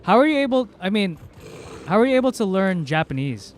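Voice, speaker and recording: This Filipino game streamer, a native Cebuano speaker, has a high-pitched, very animated voice and talks a little fast. He rambles casually with lots of fillers during livestream chat, with slight background noise audible.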